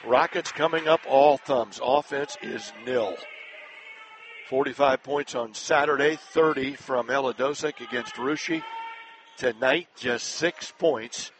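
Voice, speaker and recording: A male play-by-play announcer calls a basketball game at a brisk clip, his pitch jumping up and his voice getting louder on every drive and shot. His voice is mid-range. Loud noise hangs under the broadcast. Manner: brisk, rising sharply in pitch and volume on big plays. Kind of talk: live high school basketball play-by-play.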